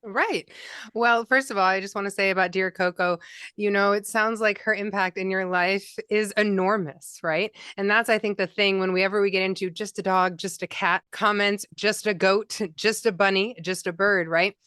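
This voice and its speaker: A woman grief counselor speaks as a podcast guest in a gentle, validating way. Her voice is smooth and clear. The sound is dry and close, with no room behind it. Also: medium pitch, steady tone, normal speed, no echo. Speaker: pet loss grief counselor. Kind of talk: interview guest.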